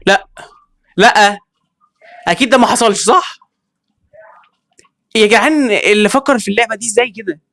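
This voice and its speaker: Excitable Egyptian gaming commentator, male. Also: sits high, gravelly, no echo. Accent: Egyptian Arabic. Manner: excitable, quick exclamations, talks straight to viewers. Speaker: gaming video creator. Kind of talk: let's-play commentary.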